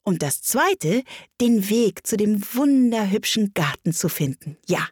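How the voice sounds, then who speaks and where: A curious young girl talks herself through a plan, as a woman reads her in a storybook. The voice is slightly breathy and lively in its rise and fall. The recording is close and dry. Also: mid-range voice, a little slow, no room sound. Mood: musing. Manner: musing to herself. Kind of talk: storybook reading.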